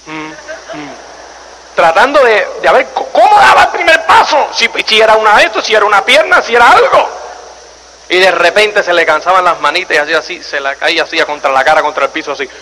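A man's voice: sits high, brisk. A man giving a live motivational seminar, telling stories animatedly and firing rhetorical questions at the audience. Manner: animated storyteller, acts out scenes and asks the audience rhetorical questions. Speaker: motivational speaker. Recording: reverberant hall with faint noise.

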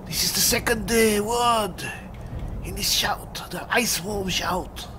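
A man role-playing a boisterous barbarian adventurer in halting, exclamatory video game commentary. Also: high voice. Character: boisterous male barbarian adventurer eager to fight. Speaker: player and host of a role-play gaming series. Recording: clear background noise, game ambience.

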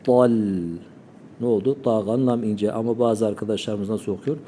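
A man teaching Quran recitation, calmly explaining pronunciation and demonstrating sounds slowly. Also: fairly low pitch, slight background noise.

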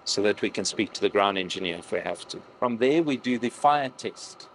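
A man explaining a cockpit preparation as a pilot instructor, calmly going through each check in a cockpit. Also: on the low side, moderate pace, a little hiss or hum, rough recording. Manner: calm, explains each step plainly. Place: aircraft cockpit.

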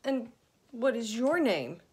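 A woman's voice: on the high side, a little slow, voice pushed up, close to an everyday voice. A woman voicing a small, shy, polite young male porcupine in a storybook. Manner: polite and timid, later giggling.

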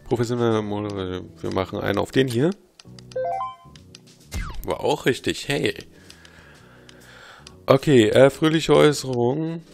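A man doing casual gameplay commentary, reading game text aloud and breaking into exasperated, excitable outbursts. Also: mid-range voice, a little slow, creaky, long pauses, faint music behind. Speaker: let's player.

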